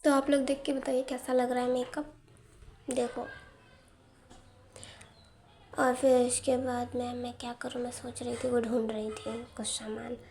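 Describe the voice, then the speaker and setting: A woman's voice: a little high, little pitch movement, unhurried, vocal fry, pauses often, a little mellow, slight background noise. A young woman narrating a casual home vlog in a chatty, giggly, self-teasing way. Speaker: vlogger. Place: home, indoors.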